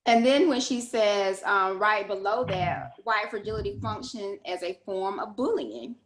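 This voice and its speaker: A woman's voice: mid-range voice, a little slow, roomy sound, a little hiss or hum. A woman in a book club discussion, talking casually on a video call and thinking aloud with many fillers.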